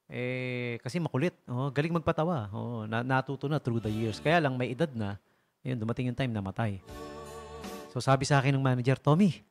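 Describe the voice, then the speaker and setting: A man's voice: mid-range voice, a little fast, soft background music. A man from the Philippines working as a radio DJ, telling jokes in a chatty way and laughing at his own punchlines. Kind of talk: joking radio talk. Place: radio studio.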